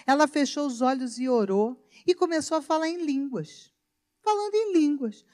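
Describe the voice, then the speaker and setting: A woman pastor with a Brazilian Portuguese accent, preaching a sermon in an emphatic storytelling manner that swings between soft and loud. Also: high voice, expressive, normal speed. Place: church.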